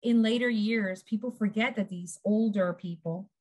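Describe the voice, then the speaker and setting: A middle-aged woman talking as a guest in a casual conversation, telling lively stories and acting out quotes. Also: mid-range voice, normal speed. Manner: lively storyteller, acts out quotes.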